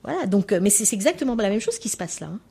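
A woman's voice: medium pitch, sing-song, very fast, dark tone, husky. A woman lecturing on how children learn to talk, in a chatty way that keeps coming back to "hein" and "voilà". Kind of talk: spoken lecture with anecdotes.

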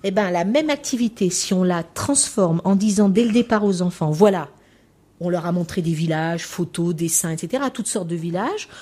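A woman's voice: fairly low pitch, animated, moderate pace, mellow. A woman lecturing on how children learn to talk, in a chatty way that keeps coming back to "hein" and "voilà". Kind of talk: spoken lecture with anecdotes.

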